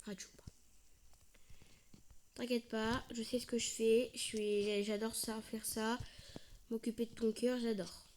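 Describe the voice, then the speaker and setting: A woman's voice: on the high side, level tone, a little slow, pauses often, darkish tone, a little hiss or hum. A young woman giving casual let's-play commentary, chatty and playful, often dropping to a whisper. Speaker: gaming video creator.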